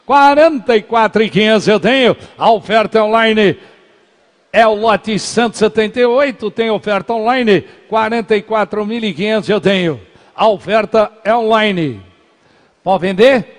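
A man's voice: sits high, normal speed. A man calling an auction, repeating the standing bid over and over in a chant. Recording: reverberant hall.

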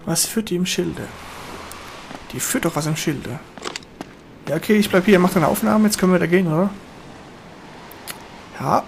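A man giving excitable gameplay commentary, swearing at enemies and cheering himself on. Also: high-pitched, normal speed, creaky, pauses often, a little hiss or hum. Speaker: let's player. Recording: voice over game music and gunfire.

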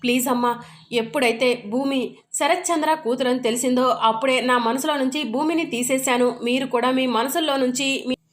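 An earnest, protective young man speaks in a retold TV serial, as a woman narrator reads his lines. The delivery stays plain and high-pitched. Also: a little fast, lightly acted.

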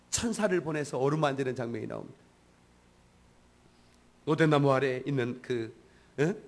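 A male pastor giving a sermon in a church service, preaching in a conversational way and often prompting the congregation. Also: mid-range voice.

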